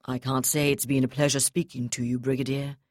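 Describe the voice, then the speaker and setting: A woman reading an audiobook, voicing a cold, ruthless male military commander who speaks calmly and with contempt. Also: rumbling low, no echo, clean studio sound. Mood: contemptuous. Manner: calm, contemptuous, measured.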